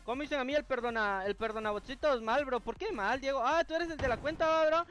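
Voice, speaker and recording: A man's voice: extremely high pitch, a little fast, a bit bright. A man, chatting casually while streaming a game and reading out viewers' names. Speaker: gaming streamer. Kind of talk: casual live-stream gameplay chat. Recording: game music clearly heard behind. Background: game music.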